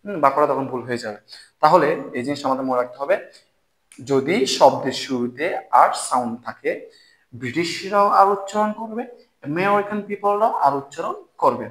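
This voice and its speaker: A man teaching English pronunciation to Bengali speakers. He explains clearly and encouragingly and repeats each example word slowly three times for viewers to repeat. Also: on the high side, lively intonation, a bit bright. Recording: echoey room.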